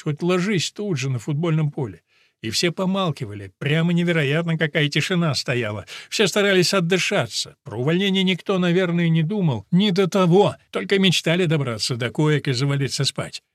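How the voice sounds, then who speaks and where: A man's voice: on the high side, no echo, clean studio sound. A man narrating an audiobook in first person, telling it vividly and acting out other voices. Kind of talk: expressive audiobook reading.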